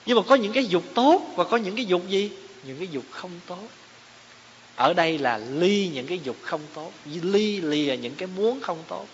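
Guy teaching buddhism, kinda high voice, echoey hall, muffled with hiss. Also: animated, normal speed. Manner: explains terms, poses rhetorical questions to listeners. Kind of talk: dharma talk. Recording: echoey hall, dull lo-fi sound, faint hiss.

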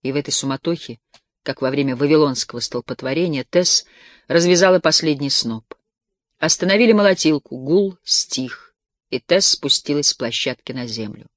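A male narrator reads a classic novel in a measured, expressive way. His voice sits somewhat high for a man. The recording is dry and close, with no room echo at all. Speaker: audiobook narrator. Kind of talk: scripted literary narration.

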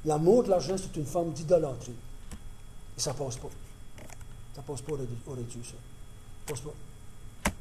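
A man's voice: on the high side, a little fast, long pauses, dark tone, a little hiss or hum. A male preacher giving a conversational sermon with emphatic repetition.

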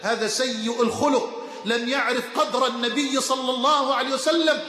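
A man with an Egyptian accent delivering a Friday sermon, impassioned, swinging between shouts and hushed tones, in a mosque. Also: very high voice, fairly even intonation, brisk. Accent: Egyptian Arabic. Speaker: preacher. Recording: echoey hall with faint ambient noise.

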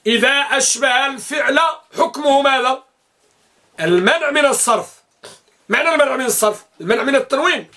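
A man's voice: extremely high pitch, pushed and bright. A man teaching a classroom grammar lesson, asking questions and answering them himself, sometimes chanting verses.

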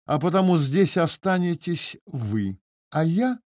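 A man's voice: fairly high pitch, sing-song, measured pace, a little mellow, dry recording, clean studio sound, pitched above the performer's own voice. A man reading the part of an aggrieved middle-aged notary, speaking formally and with agitation. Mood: agitated, indignant. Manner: formal, stiffly polite, agitated. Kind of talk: audiobook character reading.

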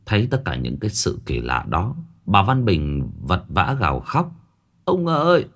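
A man narrating a scripted ghost story in a dramatic storytelling manner, dropping his voice low for the eerie parts. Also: moderate pace, creaky. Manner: dramatic, lively storytelling with sudden hushed drops.

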